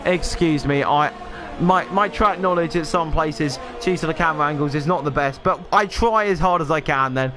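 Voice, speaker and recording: A man's voice: a little high, normal speed. A man commentating a sim racing stream, rambling with lots of fillers and self-deprecating asides. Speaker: lead race commentator.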